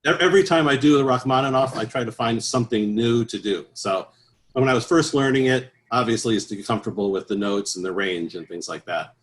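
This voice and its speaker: A middle-aged professional choral bass singer talks casually as an interview guest, rambling through anecdotes. His voice is mid-range and fairly quick.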